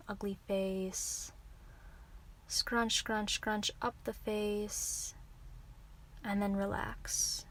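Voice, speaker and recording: Leading a relaxation meditation, a yoga teacher offers gentle, soothing guidance at an unhurried pace. Her voice is medium in pitch.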